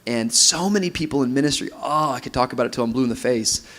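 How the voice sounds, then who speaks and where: Animated pastor man on a stage panel. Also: mid-range voice, fast talker. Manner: animated, laughs while mimicking couples. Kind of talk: conference panel talk. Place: large room with audience on stage.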